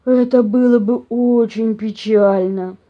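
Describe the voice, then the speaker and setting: A big, half-deaf old papa bear from a storybook, slow and booming, always a little puzzled, with a woman doing his voice. His words come out drawn out and loud on dull, lo-fi audio. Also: fairly even intonation. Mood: mild.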